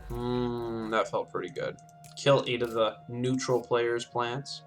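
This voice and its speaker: Faint music plays behind a man whose steady, mid-range voice takes things slowly. He's a gameplay commentator doing a casual let's-play, thinking aloud as he works through each choice.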